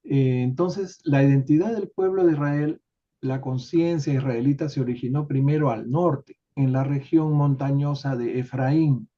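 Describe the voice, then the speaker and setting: Slow-talking man leading a study group. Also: medium pitch. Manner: unhurried, adds filler tags and restarts. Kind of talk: explaining a text to a study group. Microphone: online video call. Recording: dull lo-fi call audio.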